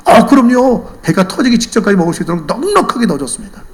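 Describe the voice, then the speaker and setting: A woman's voice: on the low side, sing-song, rapid-fire, pitched above the performer's own voice. A man voicing an earnest older countrywoman, a church deaconess, who presses her questions insistently. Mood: proud.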